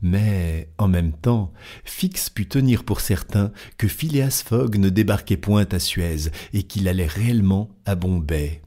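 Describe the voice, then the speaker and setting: A man reading a classic novel aloud as narrator, steady and even. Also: low-pitched, unhurried.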